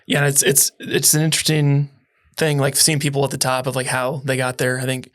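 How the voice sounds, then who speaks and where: A man's voice: mid-range voice, monotone, a little fast, fairly bright tone. A man hosting a podcast, asking questions in a joking, rambling way. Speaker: podcast host. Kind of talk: casual interview conversation.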